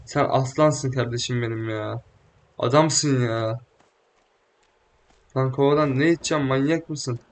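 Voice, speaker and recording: A young man giving casual, joking let's-play commentary, excitable and slangy, often talking back to the game. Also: medium pitch, unhurried, long pauses. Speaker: gaming YouTuber.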